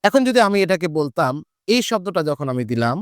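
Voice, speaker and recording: A man with a fairly high, smooth and resonant voice teaches a grammar lesson for exam students. He explains each rule step by step, poses questions and answers them himself, and draws out example words slowly. The sound is dry and close, with little room echo. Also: very animated. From Bangladesh. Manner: explains step by step, repeats rules, asks and answers his own questions. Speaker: Bangla teacher.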